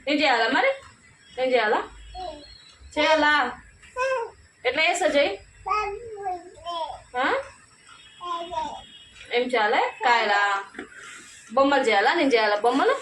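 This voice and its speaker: High-voiced teasing woman. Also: expressive, unhurried, pauses often, echoey room. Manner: teasing, repeats questions over and over. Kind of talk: casual home video. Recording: loud background noise.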